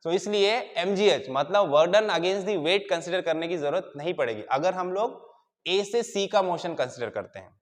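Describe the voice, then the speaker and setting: An engineering teacher gives a whiteboard lecture on engineering mechanics in a high-pitched, expressive voice at a moderate pace, with a long reverb tail. He explains each step and checks in with his students.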